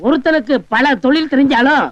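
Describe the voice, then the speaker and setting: A meek, agreeable beggar in an old film, with a very high voice and quick replies. The sound is dull and dry. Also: male voice, fairly bright tone, dry recording.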